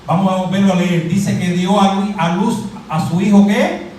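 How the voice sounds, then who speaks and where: A middle-aged Cuban pastor with a Cuban Spanish accent and a high voice delivers a lively, interactive sermon at a moderate pace. He quizzes the congregation, calls on them, and cracks jokes. The church hall is very echoey and the mic sits at a distance.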